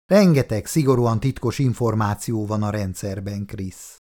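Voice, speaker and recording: Voicing an earnest, curious young female official who presses her questions politely but directly, this male audiobook narrator sounds warm and on the low side, much like an ordinary speaking voice.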